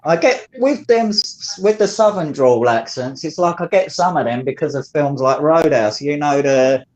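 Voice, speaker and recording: A man's voice: fairly high pitch, lively intonation, normal speed, muffled recording. A man with a London accent, chatting casually over a phone and rambling with lots of fillers. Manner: rambling, many fillers like "it's like". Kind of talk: casual chat.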